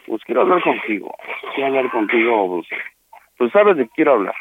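A man's voice: medium pitch, very animated, fairly quick, noisy background. A man with a Mexican accent making a prank phone call on a radio show, talking in a weary, blunt way as he presses a breakup. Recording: muffled radio broadcast audio.

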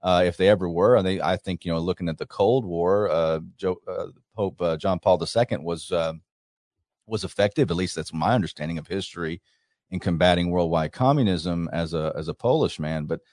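A man's voice: deep voice, fairly quick, darkish tone, dry recording, studio quality. A man hosting a call-in talk show, speaking conversationally with frequent fillers and restarts. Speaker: radio show host.

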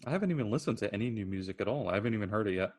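Quick-talking quiet man. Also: on the low side, animated. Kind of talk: casual chat.

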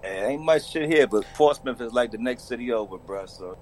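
A man's voice: mid-range voice, animated, a little fast, a little mellow, slight background noise. A man, a podcast guest talking in a laid-back, colloquial way. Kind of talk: casual chat.

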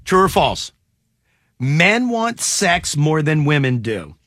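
Lively man hosting a quiz. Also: on the high side, slow, no room sound, clean studio sound. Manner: reads statements aloud and quizzes the panel playfully, giggling. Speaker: host. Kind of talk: casual panel chat.

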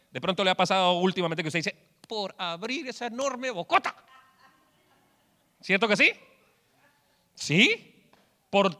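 Male preacher, bright, high voice, joking animated sermon, hall echo. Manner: animated storyteller acting out quotes. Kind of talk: humorous sermon with jokes. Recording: long hall reverb.

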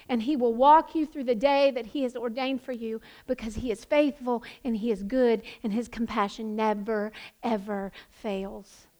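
Passionate high-voiced woman pastor preaching. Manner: passionate, building to emphatic proclamations. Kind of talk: sermon.

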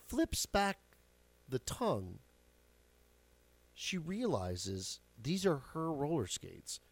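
Lively, chatty man in his forties. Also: medium pitch. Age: 40s. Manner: chatty, swears, laughs at his own stories. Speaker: radio show host. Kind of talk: casual storytelling monologue.

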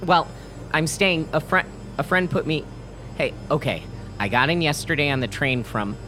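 A man voicing a bewildered, blunt newcomer in a story reading, speaking in flustered, halting bits. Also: on the high side, lively intonation, sharp tone, faint music behind, voice pushed up. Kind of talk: audiobook character voice.

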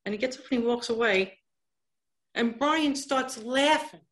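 Woman, from Long Island, casual chat, storytelling, acts out dialogue, slightly high voice. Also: unhurried, fairly bright tone. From Long Island, New York.

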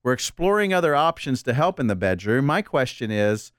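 A man's voice: mid-range voice, sing-song, a little fast, no echo. A man co-hosting an advice podcast, reading listener letters and sponsor copy aloud and adding brief dry remarks. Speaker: podcast co-host.

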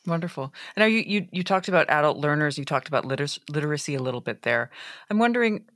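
A woman hosting a podcast reads a scripted intro, then asks interview questions with some hesitation. Her low-sitting voice is expressive, fast, and fairly bright. The recording has studio quality and no room sound.

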